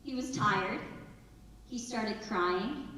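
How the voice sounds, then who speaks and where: A woman's voice: medium pitch, extremely slow, bright, forceful tone, slight background noise. A woman in her thirties giving an earnest, conversational talk to parents at a school, sometimes acting out family conversations. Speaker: school presenter. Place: school auditorium. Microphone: far from the recording device. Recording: echoey hall, distant mic.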